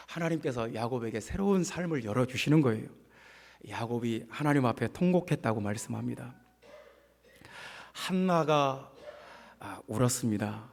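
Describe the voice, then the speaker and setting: Impassioned male pastor preaching in a hall. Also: a little mellow. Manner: impassioned preaching with swells of pitch and volume. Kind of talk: sermon. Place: church sanctuary.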